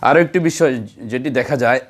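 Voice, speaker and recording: A man's voice: mid-range voice, quick pace. A man teaching correct pronunciation of Arabic letters for recitation, counting off points one by one and sounding them out as examples. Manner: methodical, counts points and demonstrates sounds aloud. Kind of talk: instructional lesson on letter pronunciation.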